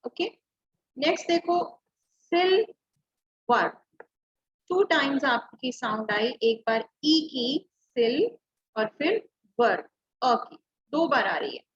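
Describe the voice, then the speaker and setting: Slow, patient woman teacher. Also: sits high, animated, slightly rough, lo-fi sound. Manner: patient, spells words letter by letter, mixes Hindi and English. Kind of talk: online class teaching. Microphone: computer or phone mic on a video call.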